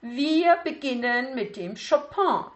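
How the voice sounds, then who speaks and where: A woman's voice: sits high, expressive, slow, pitched above the performer's own voice. A woman voicing a strict older female piano teacher, cool and clipped. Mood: stern.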